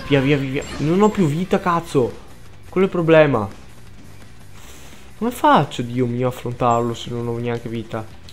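A young man gives live gameplay commentary at an ordinary pitch. He swears freely, drops into low mutters and then breaks into frantic outbursts. Faint music plays behind him. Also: animated, moderate pace, long pauses. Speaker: gaming let's player.

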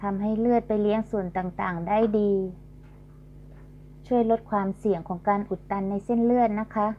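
A middle-aged woman with a medium-pitched voice hosts a garden channel, filming outdoors on a handheld phone. She talks at a normal speed, politely explaining the flowers in a casual tour narration. The recording sounds dull and lo-fi, with a faint hum.

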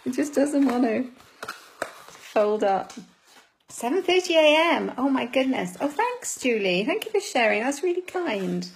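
A woman's voice: on the high side, sing-song, a little slow, a little hiss or hum, low-quality recording. A woman giving a live craft demonstration, chatting with viewers as she works and laughing at her own fumbles. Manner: chatty, greets viewers by name.

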